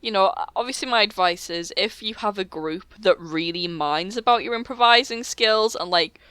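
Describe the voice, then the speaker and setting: A woman's voice: mid-range voice, moderate pace, fairly bright tone, clear, resonant tone, no room sound. A young woman co-hosting a casual podcast chat, giggly and loose. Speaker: podcast co-host.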